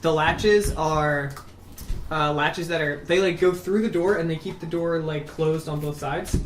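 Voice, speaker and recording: Game master, rambling narration, mid-pitched, echoey room. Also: steady tone, a little slow. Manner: rambling, filler-heavy description. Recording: roomy echo with faint hum.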